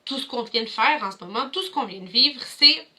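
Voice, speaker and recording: Young quebec lady leading a dance activity from home, bright tone, talks straight to the kids. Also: fairly high pitch, lively intonation, brisk. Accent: Quebec French. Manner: warm, encouraging, addresses viewers directly. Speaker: cultural mediator. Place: home, indoors.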